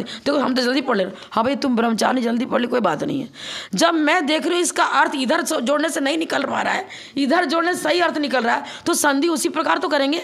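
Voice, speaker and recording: Woman, high voice, gravelly, religious teaching, patient step-by-step explanation. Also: a bit bright. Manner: explains step by step, acts out chanting slowly. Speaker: Jain nun teacher. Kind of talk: religious discourse.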